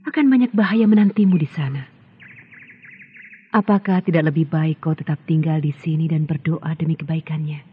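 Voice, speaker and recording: A woman's voice: low-pitched, normal speed, a little hiss or hum. An actress voicing a stern, commanding queen in an old radio drama, with an authoritative, questioning manner. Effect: old radio show sound. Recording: thin, phone-like old radio play with music.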